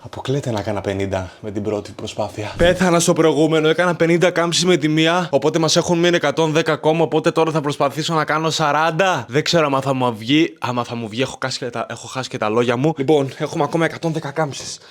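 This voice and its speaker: Excitable young Greek man reacting to clips. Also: a little high, few pauses. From Greece. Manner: excitable, slangy, swings from loud outbursts to hushed talk. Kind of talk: casual reaction commentary. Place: home, kitchen and living room.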